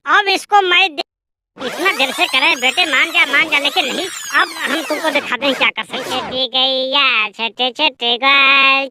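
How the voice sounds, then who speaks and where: A woman voicing squabbling small-town men in a cartoon, scolding and bickering coarsely. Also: sits high. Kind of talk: cartoon voice acting. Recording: loud background noise.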